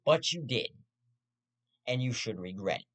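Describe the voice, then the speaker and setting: A man's voice: medium pitch, expressive, unhurried, fairly bright tone. Young male host, profane rambling rant, stammers and restarts, half-serious. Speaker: host of his own commentary show. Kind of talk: ranting casual commentary.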